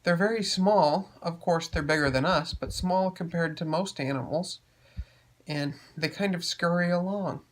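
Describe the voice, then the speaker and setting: A man's voice: on the high side, measured pace, voice pushed up, natural voice. A man voicing a small worried forest creature in a told bedtime story.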